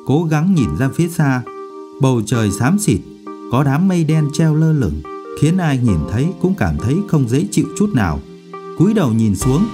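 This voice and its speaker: A man narrating a novel as an audiobook in an expressive storytelling manner. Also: medium pitch.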